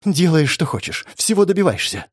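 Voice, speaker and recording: A man's voice: very animated, a little fast, slightly rough, dry recording, studio quality. A man voicing a haughty, bitter young woman model who hisses her contempt. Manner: hissing, contemptuous, rising to shrill complaint.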